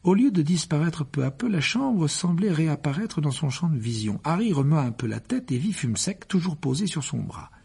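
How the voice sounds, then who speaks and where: A man's voice: on the high side, sing-song, moderate pace, creaky, few pauses, a little mellow, slightly rough. A man reading a fantasy novel aloud as narrator, telling it expressively and rising with the action. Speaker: audiobook narrator.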